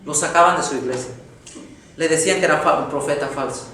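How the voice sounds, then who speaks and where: A man preaching a sermon, telling a story with dramatic swings between loud exclamations and hushed tones. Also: fairly high pitch, fast talker, recorded from a distance. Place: large echoey church hall. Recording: very echoey hall, faint noise.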